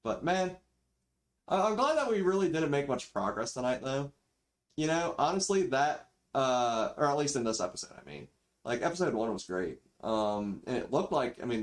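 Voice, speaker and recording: Rambling male streamer on a cheap mic. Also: fairly low pitch. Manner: rambling, laid-back slangy talk with mild grumbling. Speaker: game livestreamer. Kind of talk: casual livestream chat. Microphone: default backup microphone after main mic failed. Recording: cheap default microphone sound.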